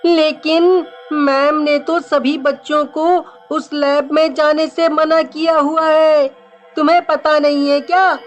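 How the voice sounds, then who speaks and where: Squeaky, slow-talking cartoon classmate, woman voicing, flat and wary.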